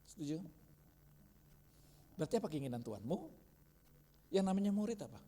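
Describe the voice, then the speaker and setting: A man's voice: fairly high pitch, sing-song, a little fast, dark tone. A man teaching a church discipleship class, constantly quizzing his listeners. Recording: reverberant hall.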